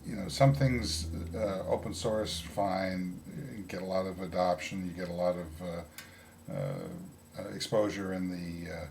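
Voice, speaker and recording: A male interviewer with a very low, deep voice. He pauses and hesitates a lot, filling the gaps with halting fillers. He keeps a dry, patient tone in a comedy sketch interview. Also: steady tone, gravelly, darkish tone, a little hiss or hum.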